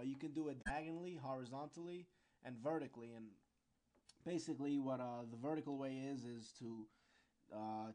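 A man with a mid-range voice gives an informal, unscripted software tutorial on a rough recording. He explains things step by step and sometimes searches for words.

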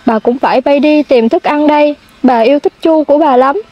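A young woman voicing a loving old grandmother who has turned into a cuckoo bird, speaking gently, as in a storybook. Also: sits high, fairly quick, no echo, close to an everyday voice. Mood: tender. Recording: dull lo-fi sound.

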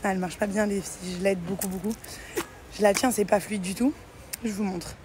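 A woman's voice: mid-range voice, steady tone, fairly quick, background noise. A young woman vlogger and mother chatting casually to camera, repeating words and using many fillers. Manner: chatty, repeats words, fillers, warm toward her daughter.

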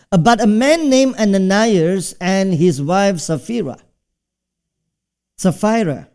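With a warm voice on the high side, a middle-aged pastor from Singapore preaches from the church stage. He keeps it conversational and questions the people in the pews.

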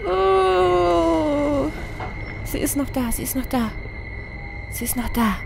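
A woman's voice: on the high side, steady tone, moderate pace, background noise. A young woman playing a horror game and commenting, often scared and pleading with the game. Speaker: let's play gamer.

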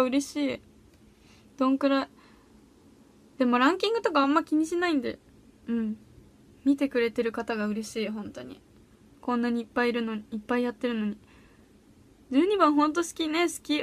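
Teen girl livestreaming from her room, high bright voice, giggly and bubbly, chatting w viewers. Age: teens. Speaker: audition livestreamer. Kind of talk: casual solo livestream chat reading comments. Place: small humid room at home.

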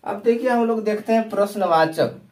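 A man's voice: high voice, darkish tone, distant mic. A male teacher giving an English grammar lesson in Hindi, who keeps asking questions and answering them himself. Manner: slow, repetitive, asks and answers his own questions. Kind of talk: classroom lesson explaining tenses.

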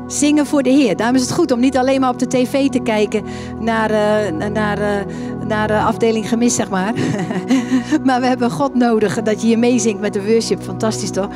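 A woman pastor preaching a sermon, quoting scripture with lively, sudden high exclamations. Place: church hall.

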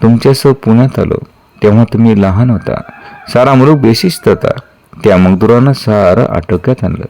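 A man voicing a dying old male mentor who gives calm, grave counsel in a measured way. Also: fairly low pitch, natural voice. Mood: tender farewell.

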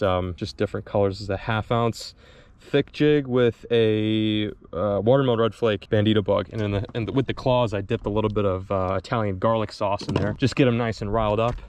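A young man with a lowish, darkish voice vlogs to an action camera from a small boat on a lake. The fishing vlogger talks casually, upbeat and self-mocking as he thinks out loud.

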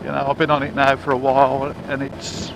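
A man's voice: medium pitch, completely flat delivery, a little fast, creaky. A chatty man reviewing a motorbike while riding, speaking through a helmet microphone with wind noise around him. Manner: chatty, enthusiastic, repeats words. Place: outdoors on a motorbike.

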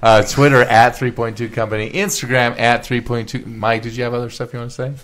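A man's voice: medium pitch, level tone, a little fast, a bit bright. A man co-hosting a casual gaming podcast, laughing often and teasing the others. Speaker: podcast co-host. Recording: noisy podcast recording.

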